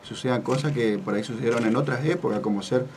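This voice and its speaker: A man's voice: medium pitch, fast talker, a little mellow. A man with an Argentine accent hosting a casual radio talk show, friendly and earnest, his throat slightly sore. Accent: Argentine Spanish. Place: radio studio. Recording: distant mic with faint noise.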